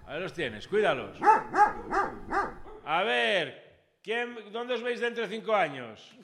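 A high-voiced man runs a casual street interview. He jokes, teases and keeps prodding shy people to answer. His tone is loose and playful. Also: very animated, slow, vocal fry, a crowd in the background. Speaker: street interviewer, radio host.

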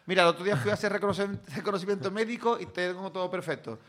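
A man in his forties from Cádiz with an Andalusian accent, chatting jokily as the interviewee in a relaxed group talk. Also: high-pitched, racing. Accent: Andalusian Spanish, from Cádiz. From Cádiz, Spain. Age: 40s. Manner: chatty, jokey, laughs often. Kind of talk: casual chat.

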